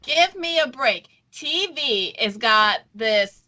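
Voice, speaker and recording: A woman's voice: a little high, animated, slow pace, pushed and bright. A woman co-hosting a podcast, chatting casually, ranting crudely and swearing heavily. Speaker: podcast co-host. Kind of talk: casual chat.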